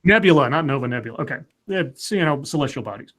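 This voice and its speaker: On a casual live-stream comics show, a podcast co-host speaks quickly in a medium-pitched voice. He rambles loosely and animatedly, restarting often and leaning on fillers.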